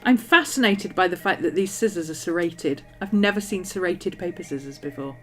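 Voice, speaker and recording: Speaking briskly, with a voice on the low side and a fairly bright tone, this middle-aged woman from the West Country crafts as she chats. She's a bubbly journaling streamer with a West Country and Manchester accent mix, full of ums and laughter, while faint music plays.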